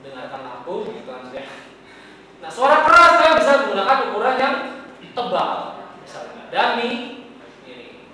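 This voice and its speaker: A man's voice: very high-pitched, big pitch swings, moderate pace, long pauses, pushed and bright. A man teaching a classroom lesson in a chatty way, often quizzing his students. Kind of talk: classroom lecture. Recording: echoey classroom from far off.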